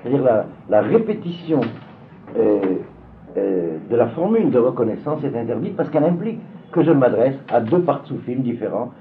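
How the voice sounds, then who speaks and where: A man's voice: mid-range voice, very animated, normal speed. A man teaching a Talmud seminar to a class, hesitant, with many fillers and repeated words. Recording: phone-like lo-fi recording with faint noise.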